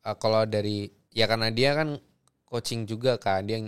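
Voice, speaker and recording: A man's voice: fairly low pitch, normal speed, clear, resonant tone. A young man, a guest actor in casual chat who laughs, fumbles and repeats himself.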